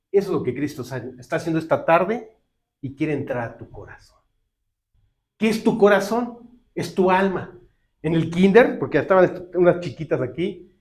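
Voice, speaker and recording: A man's voice: high-pitched, a little mellow. A man with a Mexican Spanish accent, preaching a sermon in a conversational way and often checking in with his listeners. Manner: conversational preaching with frequent tag questions. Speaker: pastor.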